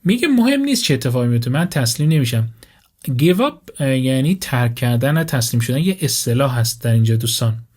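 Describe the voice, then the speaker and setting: A man giving a vocabulary lesson at a mid-range pitch. He reads each example sentence slowly and clearly, then switches to brisk explanations. The tone is steady and patient. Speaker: English teacher.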